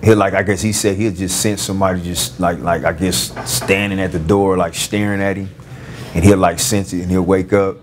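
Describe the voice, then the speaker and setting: A man with a very low voice tells his story in a relaxed, casual way, with a Los Angeles street-slang accent. He stumbles through it with many fillers, restarts and repeated words. A faint hiss sits under his voice. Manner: halting, full of fillers and restarts. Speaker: former gang member telling his story.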